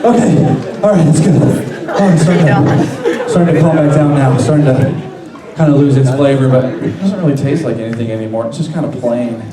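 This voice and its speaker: A man's voice: fairly high pitch, normal speed. A man performing as a comedy stage hypnotist, giving repetitive, suggestive patter to volunteers on stage. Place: large indoor hall. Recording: echoey large hall, distant, audience noise. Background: live audience crowd.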